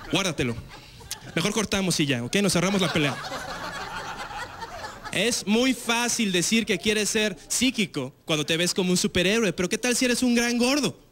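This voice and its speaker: A man's voice: sits high, lively intonation, normal speed, crowd noise. A young Mexican man with a Mexican accent doing a slangy, casual stand-up comedy set on a TV stage. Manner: loose, slangy, frequent filler tags. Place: TV studio stage with live audience.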